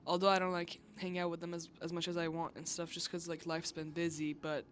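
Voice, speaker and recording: A woman vlogger telling a story in a casual, animated rant, filling her talk with "like" and swearing when she is exasperated. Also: on the low side, brisk, a little hiss or hum.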